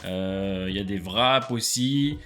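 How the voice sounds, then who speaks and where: Young male vlogger, lowish voice, eager food-review chat with lots of fillers. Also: slow pace, a bit bright, faint music behind. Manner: enthusiastic, many filler "euh"s. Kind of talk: casual food review vlog.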